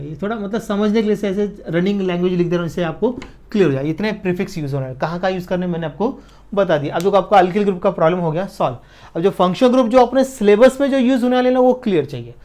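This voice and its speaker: A man teaching chemistry for exam prep in an online lesson. He coaxes and nudges his students, often checking they follow, and slows down and drops his voice as he writes terms out. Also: high voice, darkish tone. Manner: coaxing, repeats "ठीक है ना" to check understanding.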